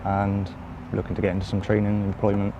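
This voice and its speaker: Young man, twenties, very low flat voice, reflective, muffled, hum behind. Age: 20s. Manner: slow, reflective, quiet. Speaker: care leaver. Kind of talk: interview to camera.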